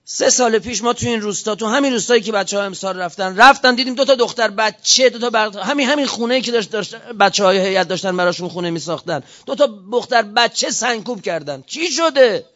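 A man preaching an impassioned sermon to a religious gathering, fervent and at times rising to shouts. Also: sits high, few pauses, lo-fi sound.

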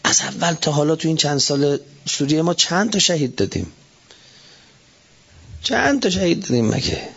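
A middle-aged man giving a religious talk, animated, swinging between loud emphatic lines and low soft asides. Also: creaky, long pauses, husky. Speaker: preacher. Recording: dull lo-fi recording.

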